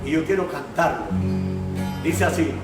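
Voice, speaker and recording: A high-voiced man preaching with an unhurried, earnest delivery that drifts into singing. His voice carries a roomy echo, set back from the mic. A faint guitar plays behind him. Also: recorded from a distance. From Panama. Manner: slow and earnest, breaks into song. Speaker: pastor. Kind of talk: sermon with singing.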